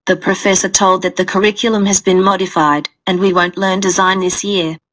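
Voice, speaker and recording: A woman's voice: mid-range voice, little pitch movement, brisk, a bit bright, natural voice, rough recording. A woman playing an agreeable college student in a scripted exam dialogue. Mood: agreeable, informative.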